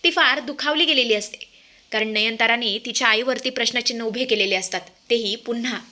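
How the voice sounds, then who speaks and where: Bright-voiced woman narrating a serial recap. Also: on the high side, a little fast. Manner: dramatic storytelling.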